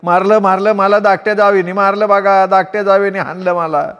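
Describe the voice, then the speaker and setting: A man voicing a quarrelsome, haughty elder sister-in-law with a shrill way of speaking. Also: steady tone, quick pace, fairly bright tone, in a large hall, lo-fi sound.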